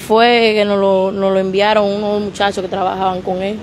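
A woman's voice: medium pitch, flat delivery, normal speed, slight background noise. A young woman, answering a street reporter's questions in a subdued way, outdoors with a handheld mic. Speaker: interviewee, relative of missing man. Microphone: handheld mic held to her.

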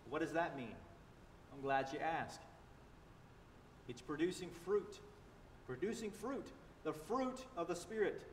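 A man's voice: high voice, darkish tone, far from the mic, slight background noise. A man preaching a sermon as pastor, earnest and emphatic, repeating key phrases. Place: large church sanctuary. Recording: echoey church livestream from afar.

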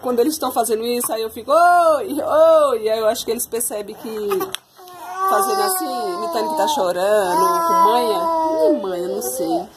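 A woman's voice: a little high, lively intonation, fairly quick. A young Brazilian woman, a mother of triplets, chatting casually to viewers at home while soothing her babies. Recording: loud background noise, babies crying.

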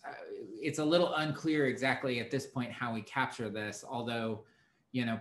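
Measured man on an academic panel. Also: medium pitch, a bit bright, a little hiss or hum, poor audio. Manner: measured, hedging with many fillers and restarts. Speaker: panelist, sociologist. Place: home office with bookshelves.

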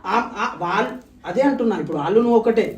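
Fast, angry young man with a Telangana accent. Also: high voice. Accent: Telangana Telugu. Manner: angry, accusing, rapid-fire. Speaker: vlogger. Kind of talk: heated couple argument. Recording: roomy echo.

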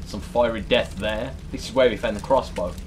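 Reacting to a horror game in a let's play, a British man of about thirty sounds casual, sweary, and exasperated. He talks at a moderate pace in a lowish voice, with background noise and game ambience clearly audible.

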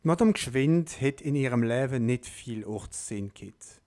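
A man reads a dialect story aloud. His pace is very slow and deliberate, in a mid-pitched voice. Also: expressive, mellow.

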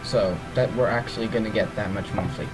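A man's voice: on the low side, fairly even intonation, a little fast, music in the background, low-quality recording. A man with a groggy voice walking through a strategy game's menus, hesitant and rambling, full of ums and self-corrections. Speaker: let's play gamer. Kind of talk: casual gameplay walkthrough.

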